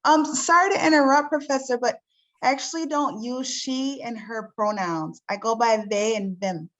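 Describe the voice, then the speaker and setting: A woman's voice: fairly high pitch, normal speed, lightly acted, low-quality recording. A woman playing a young nonbinary college student in a read-aloud training scenario, making polite, tentative corrections.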